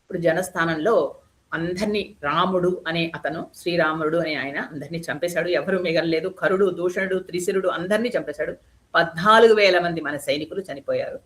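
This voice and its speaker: A woman's voice: on the low side, a little fast, natural voice. A woman voicing a trembling demon messenger. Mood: awed urgent. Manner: urgent, awed reporting.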